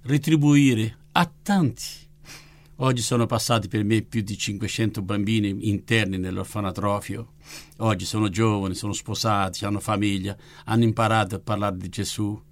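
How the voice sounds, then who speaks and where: An older man from Italy, a missionary and orphanage founder, telling his faith testimony as a fervent, lively storyteller. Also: fairly low pitch.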